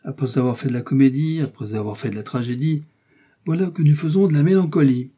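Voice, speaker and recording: A man's voice: mid-range voice, fairly even intonation, moderate pace, dark tone, slightly rough, natural voice. A man doing a sneering, threatening nobleman. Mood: mocking. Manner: sneering, mocking. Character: scornful, threatening English nobleman jailer.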